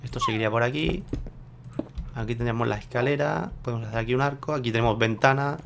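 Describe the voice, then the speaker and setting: A man talks casually to his viewers while he plays, unsure and thinking aloud. His voice is gravelly at a middle pitch. Faint keyboard typing sits behind his desk mic. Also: quick pace, fairly bright tone, slight background noise. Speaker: gameplay video host. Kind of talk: casual gameplay commentary.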